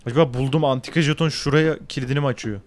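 A man giving excited gameplay commentary, loud and joking, swearing and talking back at the screen. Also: medium pitch, rapid-fire. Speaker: gamer.

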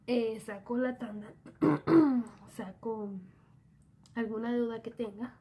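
Young woman, Dominican Spanish accent, chatty vlogger voice mixing in English, phone mic in a quiet bedroom. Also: fairly high pitch, slow, a little hiss or hum. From Dominican Republic. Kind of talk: casual planner walkthrough. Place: small bedroom indoors. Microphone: phone camera at arm's length.

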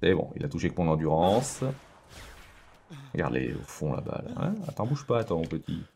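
A man's voice: extremely low pitch, very animated, fairly quick, gravelly, warm tone, a little hiss or hum. A man hosting a let's play, chatting casually and thinking aloud with lots of fillers as he plays. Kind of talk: casual gameplay commentary.

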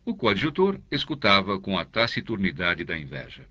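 A man narrating a classic novel as an audiobook in a measured, expressive reading. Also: low-pitched, lo-fi sound.

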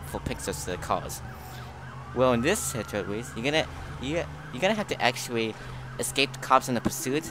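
A man with a fairly low voice gives recorded gameplay commentary over music and game sounds. His delivery is unhurried and relaxed, and he halts and repeats words as he explains. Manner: halting, often repeats words. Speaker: gaming video host.

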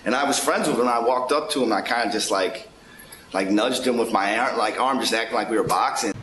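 A man's voice: medium pitch, fast talker, a bit bright, echoey room, a little hiss or hum, rough recording. A man in his twenties telling a casual story indoors, rambling with lots of fillers. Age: 20s. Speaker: interviewee. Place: indoors, plain wall.

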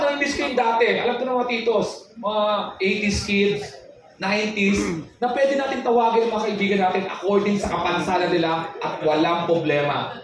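A man doing a stand-up comedy set, telling stories and acting out the dialogue in quick exchanges before a live audience. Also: high-pitched. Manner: storytelling with quick acted-out dialogue. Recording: echoey live venue audio from far off, noisy.

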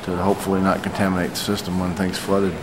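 Man, forties, deep register, little pitch movement, halting, matter-of-fact, unscripted vlog report, noticeable room noise. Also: monotone. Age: 40s. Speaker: storm chaser giving an eyewitness report. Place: hotel lobby, indoors.

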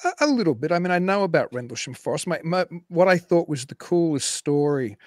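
Guy guest going on and on, restarts a lot, slightly high voice, super dry sound. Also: a little fast, dry recording. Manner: animated, digressive, frequent restarts. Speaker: guest historian. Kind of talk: conversational explaining on a live show.

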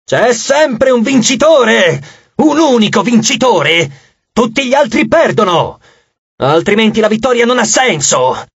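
A man's voice: extremely high pitch, very animated, unhurried, slightly rough, no echo, highs cut off, voice pushed up, exaggerated voice. A man voicing a frantic, overwrought goddess of victory who shrieks her demands in an audiobook. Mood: shrill.

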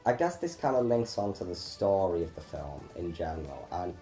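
A young filmmaker who hosts a channel chats casually and self-deprecatingly about the behind-the-scenes of his film. His voice is low, dark, and expressive, at a moderate pace, and the recording has a roomy echo with faint music.

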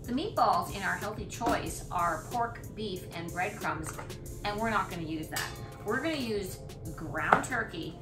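A middle-aged cooking vlogger chats casually and thinks aloud while cooking in her home kitchen, giving a relaxed demonstration. Her medium-pitched voice is expressive and measured in pace, and the kitchen sounds echoey with background music playing.

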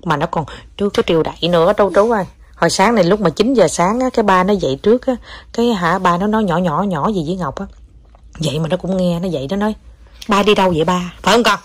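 A woman's voice: on the low side, quick pace, slightly rough. A woman, a mother chatting casually to viewers at home while teasing her young child.

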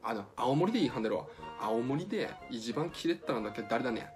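A man with a Tsugaru dialect playing a vain, cold-hearted queen in a storybook reading, gruff and prone to loud bursts. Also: mid-range voice, big pitch swings, quick pace. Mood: musing. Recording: music playing behind.

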